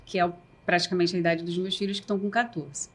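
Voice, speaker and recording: A woman's voice: fairly low pitch, steady tone, fast. A woman with a Brazilian Portuguese accent, a podcast guest speaking earnestly and emotionally about her own life, with many restarts. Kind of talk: candid personal talk show conversation.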